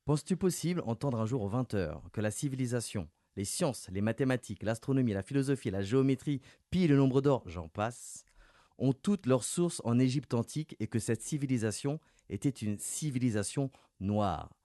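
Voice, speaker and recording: A man hosting a radio interview and running a quiz game, talking in a lively, playful way and stressing his clues. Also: medium pitch, moderate pace, dry recording, clean studio sound. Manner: lively, playful, announces clues with rising emphasis. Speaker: radio host. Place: radio studio.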